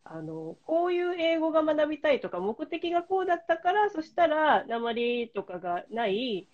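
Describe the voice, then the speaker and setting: A woman hosting a casual podcast chat, her voice sitting a touch high and swinging widely in pitch as she talks. She rambles a little, fills pauses, and steers the conversation with questions. The sound is slightly dull and lo-fi, as over a remote link. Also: sing-song. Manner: chatty, lots of fillers, leading the questions. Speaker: podcast host.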